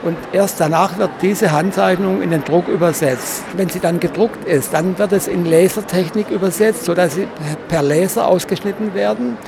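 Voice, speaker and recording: A man giving an interview about his craft, explaining in deliberate, wordy, precise phrasing. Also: sits high. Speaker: exhibitor and designer of paper models. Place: stand at a busy book fair. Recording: clear background noise of a busy fair.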